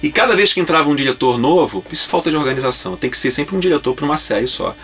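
A man with a Brazilian accent, a voice actor being interviewed, telling stories in a lively way and slipping into different voices. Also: on the high side, rapid-fire, gravelly, recorded from a distance, slight background noise. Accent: Brazilian Portuguese. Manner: animated, lively, acts out quotes in many voices. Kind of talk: casual interview storytelling.

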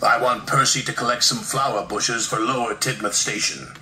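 A man voicing a stern railway boss in a storybook reading, brisk and dismissive. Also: medium pitch, sharp tone. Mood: firm. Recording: roomy echo with music behind.

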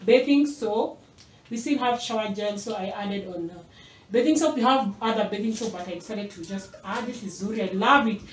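Kenyan mom chatting in an echoey kitchen. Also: female voice, mid-range voice, normal speed, far from the mic. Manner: chatty, unpacking items while talking, drifting from the camera. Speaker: mom vlogger. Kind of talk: casual grocery haul vlog. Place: small home kitchen, indoors. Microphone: camera mic from across the room. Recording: echoey kitchen, off-mic, noisy.

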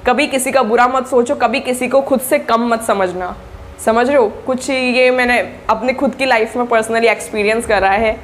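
A young woman with a somewhat high voice talks students through a study plan. She is chatty and encouraging, and keeps checking that her listeners are following along. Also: normal speed, a little hiss or hum. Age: young adult. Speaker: study-tips YouTuber for board exam students. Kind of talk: casual spoken study coaching to camera.

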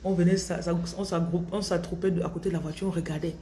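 A woman in her thirties from Cameroon with a Cameroonian French accent, giving a slow, thoughtful spiritual talk to her followers into a phone in a small tiled room. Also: fairly low pitch, fairly even intonation, mellow, slight background noise. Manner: slow and thoughtful, with frequent restarts. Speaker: spiritual coach. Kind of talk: reflective spiritual monologue to followers. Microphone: phone held close at arm's length.

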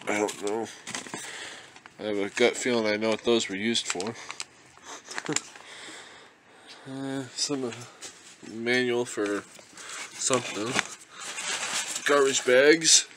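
Young male reseller, unhurried, mid-pitched, muses aloud with soft laughs. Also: noisy background. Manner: relaxed, chuckles often, thinks aloud. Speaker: reseller vlogger. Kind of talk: casual unboxing commentary.

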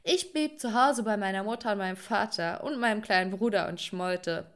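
A woman's voice: medium pitch, moderate pace. A young woman narrating a scripted first-person story and talking straight to viewers.

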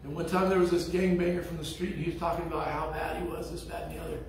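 A man's voice: on the high side, little pitch movement, racing, darkish tone, a little hiss or hum. A man preaching a sermon as pastor, telling stories in a blunt, folksy way. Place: church sanctuary. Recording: echoey church hall from far off.

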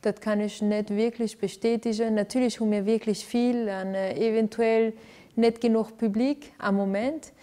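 This is an arts director from Venezuela, a woman whose voice is on the high side and mellow, with fairly even intonation and a moderate pace. She is the interviewee, answering questions in a living room set up with filming lights, and she fills her speech with hesitations and restarts.

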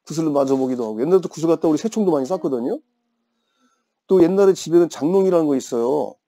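A man's voice: on the high side, lively intonation, fast talker, warm tone. A man in his fifties teaching an English grammar class, telling playful stories and teasing his students. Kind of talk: classroom lecture with chatty anecdotes.

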